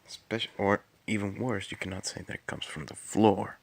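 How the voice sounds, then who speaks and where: A man talking casually on his own in a quiet, subdued late-night manner, explaining technique and halting often mid-phrase. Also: on the low side, creaky. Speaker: martial arts vlogger. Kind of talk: casual solo talk explaining fighting technique.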